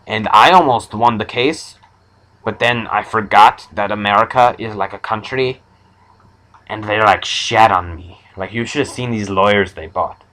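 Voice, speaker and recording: Young man with a fairly low voice and a bright, sharp edge. He rambles through a comic monologue in a deadpan manner, stopping now and then to chuckle at his own jokes. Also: normal speed, poor audio. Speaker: channel comedian.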